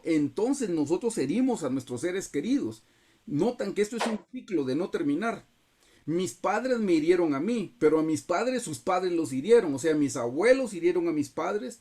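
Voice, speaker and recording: A man's voice: sits high, mellow. A man with a Guatemalan accent preaching a Bible study over a video call, earnestly addressing the listeners as brothers while sharing a personal testimony. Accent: Guatemalan Spanish. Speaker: pastor leading a Bible study.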